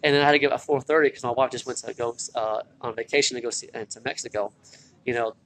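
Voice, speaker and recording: A man's voice: medium pitch, steady tone, fast, a bit bright. A tired man talking casually and earnestly in a motivational vlog, repeating himself for emphasis, recorded in a hospital corridor. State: tired from little sleep. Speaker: online marketer and former military recruiter. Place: hospital, such as a corridor or waiting area. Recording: background noise in a hospital. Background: faint hospital ambience.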